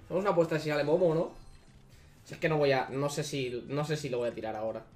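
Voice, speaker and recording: A young man streams a gacha game, cursing, muttering low and then shouting his pleas. His voice sits a bit high and rings around an echoey room, with faint music playing behind him. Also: fairly even intonation, quick pace. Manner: swearing, pleading, swings between muttering and shouting.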